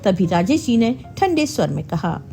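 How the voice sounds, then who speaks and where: Lively woman storyteller over soft music. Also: medium pitch, moderate pace, vocal fry. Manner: reads every character with a lively, emotional delivery. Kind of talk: scripted narration.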